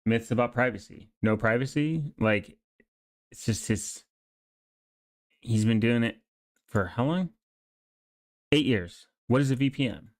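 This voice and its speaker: A man giving casual, rambling commentary, speaking haltingly and often trailing off or restarting mid-thought. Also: mid-range voice, no echo, studio quality. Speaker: streamer reacting to online videos and channels.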